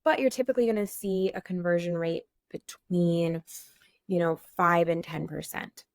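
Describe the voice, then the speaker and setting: A woman co-hosting an online course, explaining in a friendly, practical way with quick asides. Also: lowish voice, steady tone, no echo, clean studio sound. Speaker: course co-host. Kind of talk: casual course walkthrough.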